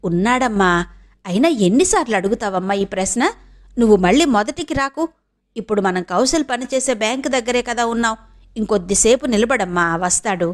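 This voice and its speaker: A woman's voice: fairly high pitch, animated, fairly quick, lightly acted. A woman voicing an anxious young man who pleads cautiously with his mother in an audiobook. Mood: coaxing. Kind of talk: audiobook character reading.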